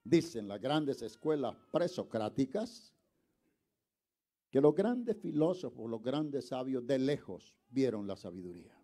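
Man preaching, gravelly voice, lively pitch, rises to shouts, calls out to the congregation. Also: measured pace. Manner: animated, swings from murmur to shouting. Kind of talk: sermon.

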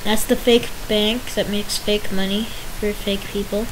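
In a hissy home recording, a young Minecraft host wanders through a game world of her own making, chatting casually and cutting herself off mid-thought. She speaks unhurriedly in a mid-range voice with fairly even intonation.

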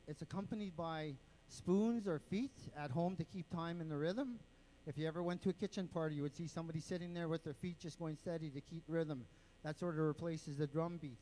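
A man's voice: a little high, a little mellow, a little hiss or hum, poor audio. A man explaining dances to an event crowd on a handheld microphone, patient and step-by-step, counting out rhythms. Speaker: dance group spokesman and announcer. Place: indoor powwow event.

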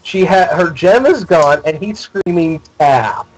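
Excitable man narrating his character's moves. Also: high-pitched, a little slow, slightly rough, rough recording. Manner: excitable, stumbling restarts while describing moves. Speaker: player. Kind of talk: casual tabletop game play.

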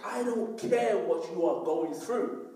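A man's voice: high voice, lively intonation, slow, warm tone, a little hiss or hum. A man preaching a sermon as pastor, emphatic and often checking that the congregation understands. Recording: very echoey room, voice from far off.

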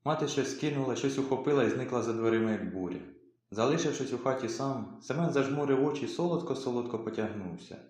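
A man reading a literary story aloud as an audiobook narrator, in a measured, expressive storytelling manner. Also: mid-range voice. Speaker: audiobook reader. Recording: very echoey room.

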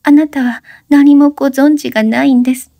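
A woman's voice: high voice, fairly even intonation, normal speed, gravelly, dark tone, no echo, pitched above the performer's own voice. A woman voicing a desperate, guilt-ridden young woman who pleads breathlessly through sobs in a spoken story reading. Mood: tearful.

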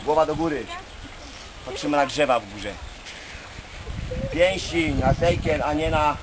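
A man's voice: on the high side, unhurried. A man leading a karate class, calling out counts and commands and correcting students in a stern coaching manner. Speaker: karate instructor. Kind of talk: barking drill commands and counts. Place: outdoor training camp with a group. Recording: noisy outdoor camera audio with group.

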